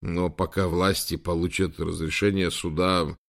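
A man's voice: sits low, level tone, a little slow, creaky, fairly bright tone, exaggerated voice. A man voicing a wry, weary middle-aged professor, close to his own reading voice.

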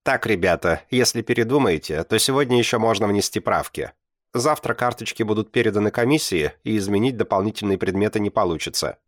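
A man voicing a stern, skeptical female history teacher who gives brisk, clipped classroom orders. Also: lowish voice, expressive, no echo, clean studio sound, voice pushed up.

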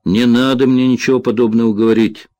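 A man's voice: mid-range voice, moderate pace, a little mellow, no echo, natural voice. A man doing a whiny young orderly. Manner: whining, complaining.

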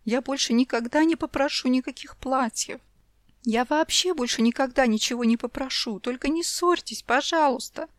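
A woman's voice: high-pitched, expressive, a little slow, no room sound, clean studio sound, voice pushed up. A woman voicing a spoiled six-year-old girl who whines and wails in a storybook reading. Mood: sobbing plea. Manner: whiny, wailing pleas.

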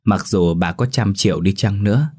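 A man voicing a gentle elderly grandmother, a grieving widow, who speaks softly and tenderly in an audio story. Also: lowish voice, normal speed, husky.

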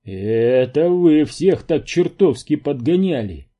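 A man's voice: a little high, sing-song, takes it slowly, warm tone, exaggerated voice. A man voicing a cocky male scientist who is enthusiastic and a little smug. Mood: explaining.

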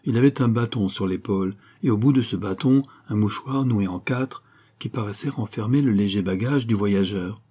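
Low dark-voiced male narrator. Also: moderate pace, husky. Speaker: audiobook narrator. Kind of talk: scripted narration of a classic novel.

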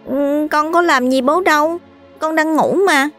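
Woman voicing a sulky little boy, high and whiny, storybook reading. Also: a little slow, fairly bright tone, faint music behind. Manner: whiny, pleading childlike voice. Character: small boy, sulky and stubborn.

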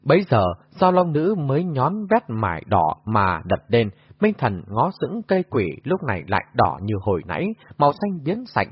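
Guy reading a martial arts audiobook, husky voice, pitch all over, dry muffled recording. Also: wildly swooping pitch, normal speed, hardly any pauses, no echo. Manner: vivid, storytelling. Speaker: audiobook narrator. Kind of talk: dramatic audiobook narration.

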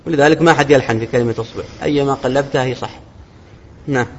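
Fast-talking sheikh in a reverberant hall. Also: male voice, medium pitch, a little hiss or hum. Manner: quick, conversational explaining with quoted asides. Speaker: sheikh teaching a text. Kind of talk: lesson commentary. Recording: dull recording in a large reverberant hall.

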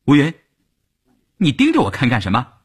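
A man voicing a strident middle-aged female cadre who hurls shrill accusations. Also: huge pitch swings, normal speed, husky, exaggerated voice. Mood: sharp questioning.

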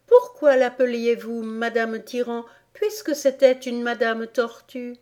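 A woman's voice: a little high, steady tone, a little slow, dark tone, pitched above the performer's own voice, close to an everyday voice. A woman voicing a polite, curious little girl in a storybook reading, in a raised, prim and questioning voice.

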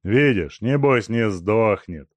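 A man reading an audiobook, voicing a brutal, mocking male robber chief in a loud, gruff, taunting voice. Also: fairly low pitch, lively intonation, slow, dry recording, pitched above the performer's own voice. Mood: taunting, cruel. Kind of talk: audiobook character voice.

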